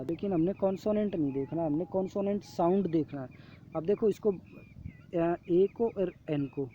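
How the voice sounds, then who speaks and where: Patient male teacher with an Indian accent, highish mellow voice, slow deliberate reading of examples, muffled lo-fi recording. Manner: patient, addresses students as "beta", reads English examples slowly. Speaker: English teacher. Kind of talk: classroom lesson explaining a worksheet. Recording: dull lo-fi audio.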